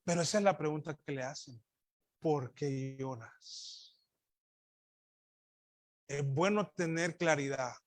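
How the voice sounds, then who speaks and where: A man with a high-pitched voice preaches to his congregation, calling them brothers. He swings between loud, emphatic declarations and soft, almost murmured asides, and he leans on rhetorical questions. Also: a little fast, no echo. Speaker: pastor. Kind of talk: sermon.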